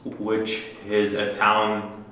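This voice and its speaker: Teenage male interviewee from Iraq, halting delivery, recorded far off in a reverberant hall. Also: lowish voice, monotone, pushed and bright, slight background noise. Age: teens. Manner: hesitant, many restarts and light laughs. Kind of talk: casual oral history interview. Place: university hall room. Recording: echoey room from a distance.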